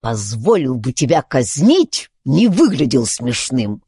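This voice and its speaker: A woman's voice: extremely low pitch, very animated, slow, dark tone, slightly rough, no room sound, studio quality, pitched below the performer's own voice, heavily acted. A woman doing a pompous, blustering king. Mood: grumbling. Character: fussy, bumbling old king presiding as judge.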